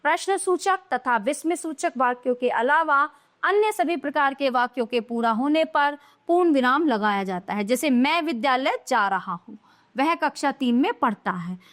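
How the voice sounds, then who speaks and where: A woman's voice: high-pitched, lively intonation, normal speed, fairly bright tone. A woman teaching a grammar lesson to young children, explaining patiently and answering her own questions.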